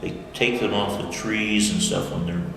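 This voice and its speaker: An older man from Michigan in the United States answers questions in a casual conversational interview, rambling, correcting himself and chuckling often. His voice is fairly low and steady with vocal fry at a normal speed, recorded in an echoey room with long reverb, faint noise and music in the background.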